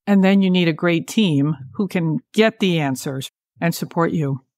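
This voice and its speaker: A woman's voice: fairly low pitch, normal speed, darkish tone, dry recording, clean studio sound. A woman hosting a podcast interview. She talks in a conversational way and asks open questions. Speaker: podcast host.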